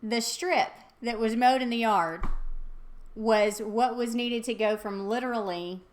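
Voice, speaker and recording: Animated woman telling stories. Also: on the high side, a little slow. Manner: animated storytelling with many fillers. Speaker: host. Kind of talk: casual chat.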